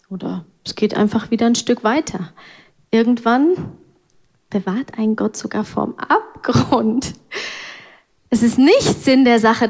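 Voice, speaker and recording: A woman giving a gentle, reflective part of a sermon. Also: on the high side. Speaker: church speaker.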